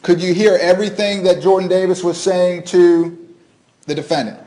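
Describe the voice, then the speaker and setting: A man's voice: high voice, fairly even intonation, normal speed, mellow. A man questioning a witness as a prosecutor in a formal, methodical way, in a courtroom recording.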